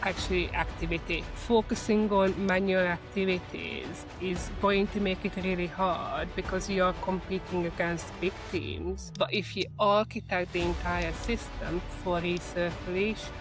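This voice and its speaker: Over music in a low-quality recording, a middle-aged Hungarian-accented woman speaks at normal speed with few pauses and a steady, lowish voice. As a marketing executive being interviewed, she talks conversationally about her career, her work, and advice.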